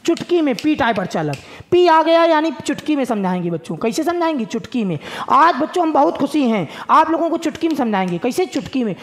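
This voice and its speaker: Brief: male physics tutor, high voice, jokey and sing-song. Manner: playful, sing-song, dialect asides. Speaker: physics coaching teacher. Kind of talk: exam-prep physics lesson.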